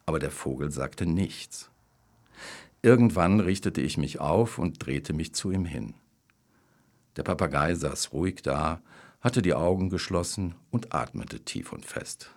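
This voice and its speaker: A man's voice: low-pitched, expressive, unhurried. A man narrating short stories in a dry, wry reading style. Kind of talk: scripted narration.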